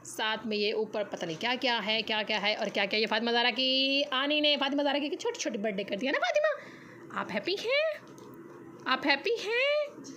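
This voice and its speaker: A woman's voice: a little high, fairly even intonation, quick pace, hardly any pauses, pushed and bright. A woman from Pakistan with a Pakistani Urdu accent, a tired mother chatting and teasing in a casual family vlog at home. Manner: chatty and teasing, talks straight to her viewers. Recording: echoey room with faint noise.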